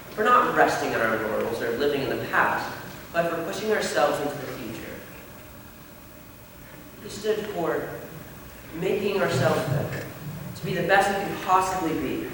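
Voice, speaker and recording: A young man playing an earnest male high school senior, giving a solemn, rousing stage speech. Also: close to an everyday voice. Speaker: student actor. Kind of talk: stage play speech to a class. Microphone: distant room mic. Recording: echoey hall from far off, noisy.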